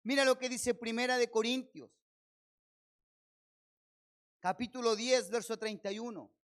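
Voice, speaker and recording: A man with a Chilean accent preaching a sermon as pastor at a church service, firing rhetorical questions at his congregation and swelling loud on key phrases. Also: very high voice, fairly even intonation, measured pace.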